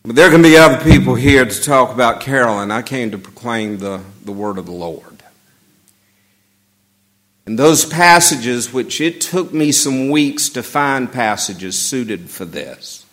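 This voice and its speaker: A male pastor from Atlanta with a Southern accent delivers a measured, reflective funeral sermon with gentle humor in a church sanctuary. His voice is mid-range and animated.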